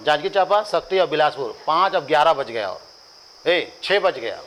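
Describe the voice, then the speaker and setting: A man's voice: on the high side, lively intonation, moderate pace, a bit bright, slight background noise, rough recording. A man with a Chhattisgarhi accent teaching a coaching class, drilling lists by rhythmic repetition with joking asides to students. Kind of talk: classroom lecture with chanted drills.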